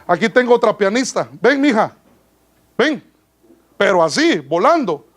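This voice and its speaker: A man's voice: sits high, big pitch swings, measured pace, a bit bright, low-quality recording. A man pastor preaching a sermon in a church, asking the congregation questions and calling them brother. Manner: addresses listeners as brother.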